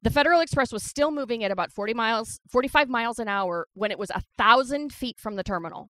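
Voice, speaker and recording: A woman co-hosting a podcast, recounting a history story in casual chat as a lively storyteller who holds her ground against interruptions. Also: on the high side, quick pace, dry recording. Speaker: podcast co-host.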